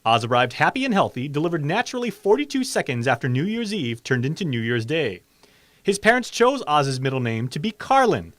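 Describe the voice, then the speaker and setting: Animated male news anchor, higher-pitched. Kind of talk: scripted news reading.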